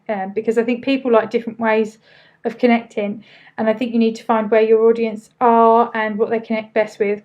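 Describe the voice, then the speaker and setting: The recording is muffled as a woman with a fairly high, darkish voice and an Essex accent leads a relaxed live training. She chats informally, reading and answering questions with words loosely pronounced.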